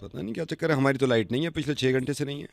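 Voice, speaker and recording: A man's voice: medium pitch, vocal fry, no room sound. A man hosting a radio prank call, pushy and needling as he keeps pressing the person on the line. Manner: pushy, fast-talking, needling.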